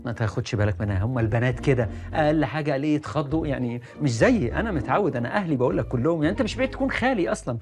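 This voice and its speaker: A man's voice: mid-range voice, expressive, lightly acted. An actor playing a jittery, joking young male doctor, speaking Egyptian Arabic in a comedy series. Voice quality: rapid, jokey, prone to panic. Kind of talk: sitcom acting. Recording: music under the dialogue.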